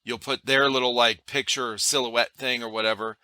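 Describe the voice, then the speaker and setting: A man's voice: mid-range voice, steady tone, moderate pace, pushed and bright, no room sound. A man hosting a podcast, asking questions in casual, conversational speech. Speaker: podcast host. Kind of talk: casual interview chat.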